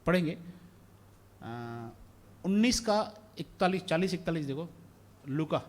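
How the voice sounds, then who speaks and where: A male pastor from India delivers an animated sermon, questioning his congregation as he goes. His voice sits high for a man. It rises and falls widely as he talks. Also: a little slow. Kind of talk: Hindi sermon with English phrases.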